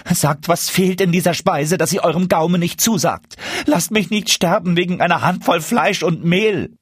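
Brief: man putting on a timid dwarf cook, high and pleading, husky tone. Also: expressive, unhurried, a little mellow, no echo, clean studio sound, heavily acted. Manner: pleading, trembling. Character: frightened little dwarf cook, male.

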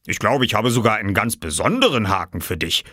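A man voicing a kindly older farmer who talks calmly and in a fatherly way. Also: fairly low pitch, fast, no room sound, studio quality.

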